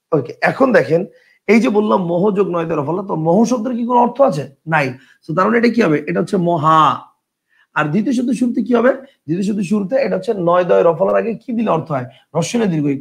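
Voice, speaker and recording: Male tutor, high and gravelly, explains step by step with questions. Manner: drawls example words slowly, mixes in English words. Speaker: teacher. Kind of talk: Bengali grammar lesson.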